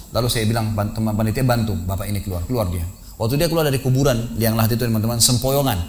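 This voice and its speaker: A man preaching a sermon in a mosque, telling a story with lively animation and sudden loud, emphatic bursts. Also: medium pitch, a little hiss or hum. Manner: animated storytelling, acting out the people in his story. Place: mosque hall.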